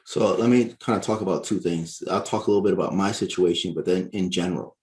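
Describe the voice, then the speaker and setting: A man with a very low, deep voice lays out his points in a measured, explanatory way, often tagging "right?" onto his sentences. He is from Barbados and speaks as a guest author on a podcast interview. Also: darkish tone.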